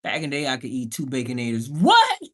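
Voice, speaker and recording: Hosting a casual livestream, this Bahamian house flipper talks fast in a mid-range, slightly bright voice with huge pitch swings. He keeps it slangy and playful, throwing in emphatic exclamations.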